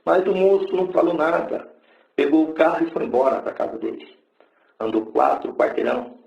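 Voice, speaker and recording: A man's voice: a little high, animated, moderate pace, creaky, a little mellow, echoey room, highs cut off, soft background music. A man giving a fervent religious testimony to a congregation, telling his story and rising into exclaimed praise. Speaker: church member giving testimony.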